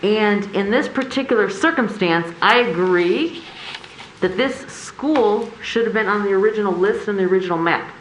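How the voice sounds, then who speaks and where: A woman's voice: mid-range voice, lively intonation, normal speed. A woman speaking through a face mask, giving earnest, explanatory remarks as a commission member at a public meeting. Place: indoor public meeting room. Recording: echoey meeting room with background noise.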